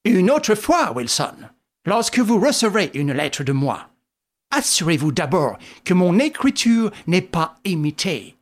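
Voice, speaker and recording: A woman's voice: lowish voice, big pitch swings, a little slow. A woman doing a brusque, scolding detective. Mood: dry. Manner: sharp, clipped scolding. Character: brusque, commanding male detective, quick-tempered. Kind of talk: audiobook character voice.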